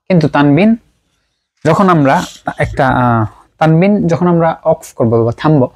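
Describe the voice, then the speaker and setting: A man teaching Quran recitation rules. He writes examples on a board as he explains, speaks haltingly with frequent pauses and fillers, and drills each term through slow repetition. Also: a little high, a little mellow. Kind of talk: explanatory lesson at a writing board.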